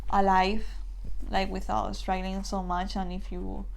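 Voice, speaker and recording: A woman's voice: medium pitch, flat delivery, a little slow, vocal fry, a little mellow, a little hiss or hum, rough recording. Rambling young woman vlogging casually. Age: 20s. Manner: rambling, with frequent restarts and swearing; nervous. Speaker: channel host. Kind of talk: casual personal vlog.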